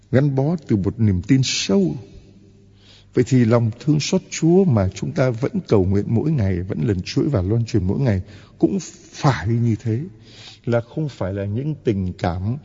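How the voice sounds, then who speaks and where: A man, a priest, giving an impassioned sermon, drawing out key words slowly and rising to emphatic peaks. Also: lowish voice, dark tone, breathy edge, long reverb tail, highs cut off.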